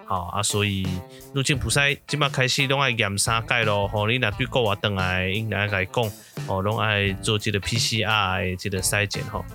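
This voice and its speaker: A man's voice: lowish voice, fairly even intonation, moderate pace, pushed and bright, faint music behind. Man hosting folksy radio-style news podcast. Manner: folksy old-style announcer delivery. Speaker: podcast host. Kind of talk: mock radio news bulletin.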